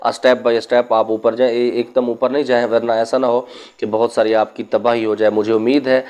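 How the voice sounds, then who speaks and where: Guy who works as a healer, sitting in a room warning his viewers, earnest storytelling tone, medium pitch. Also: level tone, a little mellow. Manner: earnest, cautionary, tells stories from his practice. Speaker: spiritual healer. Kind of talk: religious advice talk to viewers. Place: indoor room.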